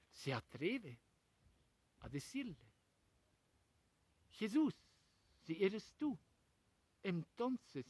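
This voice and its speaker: A man preaching a sermon as a pastor, retelling a story in short, measured phrases with rhetorical questions. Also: medium pitch, slightly rough. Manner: speaks in short, measured phrases with frequent pauses.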